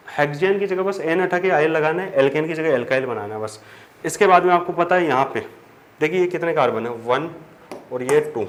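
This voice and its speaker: A man, teaching chemistry at a board, explaining step by step and answering his own questions. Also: on the high side. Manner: addresses students as children. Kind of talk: whiteboard lesson. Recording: faint background noise.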